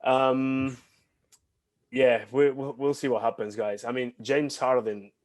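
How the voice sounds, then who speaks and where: Talking slowly in a mid-range voice with little pitch movement, this young co-host from Argentina discusses basketball casually on a podcast. He joins by video call from home on a headset, animated and repeating himself for emphasis, and the recording is dry.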